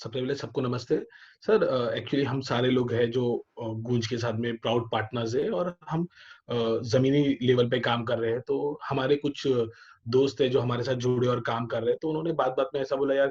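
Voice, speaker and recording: A man's voice: mid-range voice, darkish tone, muffled recording. A man with an Indian accent from a partner group asks a question in a webinar, polite and deferential, often addressing the speaker as sir. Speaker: partner organization member. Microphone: video call.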